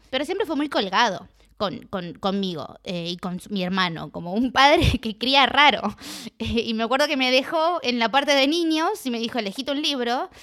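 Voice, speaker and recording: Chatty Argentine woman telling stories. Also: on the high side. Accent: Argentine Spanish. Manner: animated anecdotal storytelling, laughs often. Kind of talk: casual conversation.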